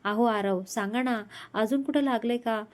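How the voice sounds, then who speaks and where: A woman's voice: a little high, moderate pace, close to an everyday voice. A woman voicing a young wife who fusses over her husband and teases him back, read in her own voice as part of a storybook reading. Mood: worried. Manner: pleading, playful. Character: young wife, worried and playful.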